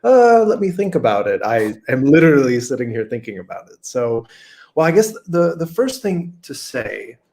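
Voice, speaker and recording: A man's voice: mid-range voice, sing-song, moderate pace, a little mellow. Man from rural Kentucky thinking aloud. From rural Kentucky, USA. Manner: thinks aloud, many fillers and restarts. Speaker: guest. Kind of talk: unscripted conversational interview. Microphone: video call.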